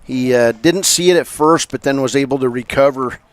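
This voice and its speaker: A man adding color commentary to a baseball radio broadcast. He talks in a relaxed, folksy way. He drops homespun sayings and jokes between the plays. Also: medium pitch, a little fast, smooth, no room sound. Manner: folksy, joking asides.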